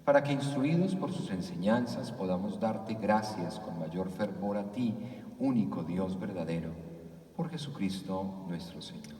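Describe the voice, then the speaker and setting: A man's voice: low-pitched, lively intonation, a little slow, warm tone. A male priest, intoning the prayers of Mass solemnly and evenly, his voice ringing with cathedral echo. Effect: cathedral echo, heard from afar. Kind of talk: liturgical prayer. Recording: echoey church hall, distant mic.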